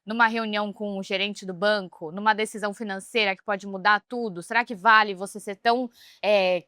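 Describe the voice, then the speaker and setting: Expressive bright-voiced woman co-host. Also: mid-range voice, a little fast, clean tone, no room sound, studio quality. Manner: animated, expressive storyteller. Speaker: podcast co-host. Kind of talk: casual chat.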